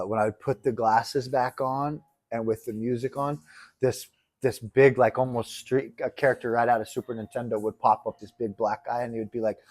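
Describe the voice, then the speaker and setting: Casual rambling podcast man. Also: medium pitch. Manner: rambling, swearing, excitable when retelling. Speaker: podcast co-host. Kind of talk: casual chat. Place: resort retreat room.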